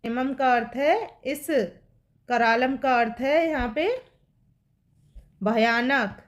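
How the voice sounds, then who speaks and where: A woman's voice: high voice, slow pace, lo-fi sound. A woman teacher patiently explaining a poem to children line by line, repeating each meaning.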